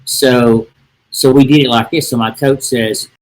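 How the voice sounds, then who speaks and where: A man's voice: medium pitch, steady tone, measured pace, poor audio. A middle-aged man, telling a rambling, folksy story as a podcast guest. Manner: folksy, rambling, with many "and, uh" restarts. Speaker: real estate agent, podcast guest. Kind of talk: casual storytelling.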